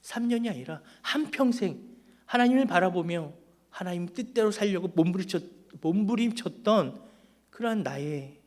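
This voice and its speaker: Impassioned pastor with a raised voice. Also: male voice, sits high, expressive, normal speed. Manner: impassioned preaching that drops to hushed, near-whispered passages. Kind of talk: Friday prayer meeting sermon. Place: church.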